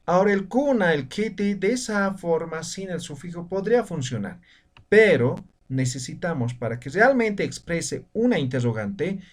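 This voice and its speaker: A man gives a patient, very slow lesson, repeating each word. His voice sits a little high for a man. It is recorded from a small distance from the mic. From Bolivian altiplano. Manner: patient, repeats words and tags phrases with "¿no?". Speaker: Aymara language teacher.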